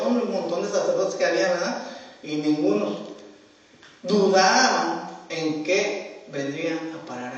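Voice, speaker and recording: A man preaching a sermon as pastor, telling the story in an animated way and acting out the scenes. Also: high-pitched. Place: church sanctuary. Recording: echoey church hall from far off.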